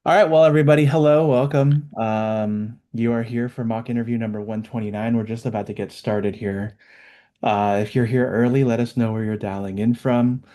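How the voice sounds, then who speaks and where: A man with a somewhat low voice hosts an online webinar. He talks in a chatty, upbeat way, full of fillers and restarts. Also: level tone, normal speed, dark tone. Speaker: webinar host. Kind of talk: casual webinar chat.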